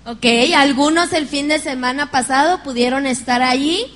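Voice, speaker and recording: A middle-aged woman with a Mexican accent preaching a sermon, telling stories in a lively way and often laughing with her congregation. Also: sits high, normal speed.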